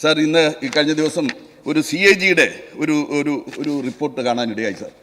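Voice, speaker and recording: Legislator, male, rapid fiery oratory in a big reverberant chamber, keeps addressing the chair. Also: a little high, sharp tone. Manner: emphatic oratory, repeatedly addressing the chair as sir. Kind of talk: assembly floor speech. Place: large legislative assembly hall.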